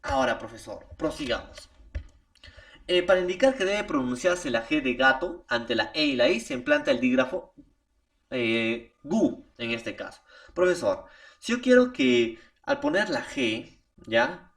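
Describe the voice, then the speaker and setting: A man's voice: mid-range voice, a little slow, recorded from a distance. A male teacher with a Peruvian Spanish accent giving a recorded spelling lesson, often tagging "¿no?" and "profesor". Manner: animated, repeats "profesor" and "¿no?" as tags. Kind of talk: recorded remote language lesson.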